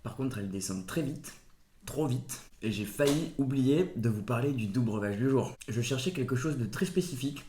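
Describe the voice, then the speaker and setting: A man's voice: mid-range voice, lively intonation, normal speed, warm tone, a little hiss or hum. A man hosting a casual food-tasting vlog at home, playful and punning, with mock-solemn verdicts. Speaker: food reviewer. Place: home, at the table. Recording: roomy echo.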